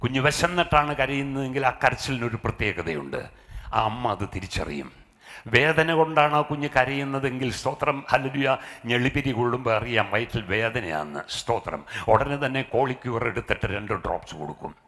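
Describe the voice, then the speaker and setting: A middle-aged male pastor delivers a sermon with a bright, forceful voice. His pitch sits in an ordinary middle range. He sprinkles in hallelujahs and builds to rousing, emphatic calls. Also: expressive, normal speed. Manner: preaching with frequent hallelujahs and rising emphatic calls.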